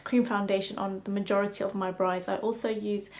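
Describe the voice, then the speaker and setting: Speaking a little fast with a flat delivery, this young woman from London has a medium-pitched, darkish voice and a London accent. She's a beauty vlogger and makeup artist, working casually through viewer questions in a Q&A vlog with plenty of ums.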